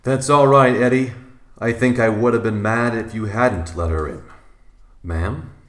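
A man's voice: mid-range voice, a little slow, fairly bright tone, lightly acted. An actor playing a world-weary, wisecracking male space detective who narrates in noir style and flirts with his client. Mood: flirtatious. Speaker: narrator and lead character.

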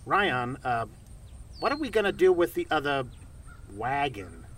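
Man as excitable little space sidekick, teasing, bright animated voice, audio drama. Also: fairly high pitch, a little slow, far from the mic, slight background noise. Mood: cheeky. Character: very short, cheeky, excitable male space-traveling sidekick.

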